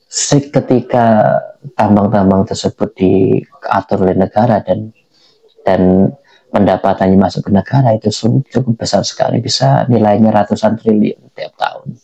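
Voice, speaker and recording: Guy doing political commentary off the cuff, low creaky voice, halting, dull lo-fi recording. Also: fairly even intonation, warm tone. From Indonesia. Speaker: commentator giving personal opinion. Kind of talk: unscripted political commentary monologue.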